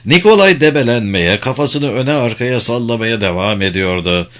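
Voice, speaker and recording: Man narrating an audiobook, measured. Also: medium pitch, expressive, a bit bright. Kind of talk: scripted narration.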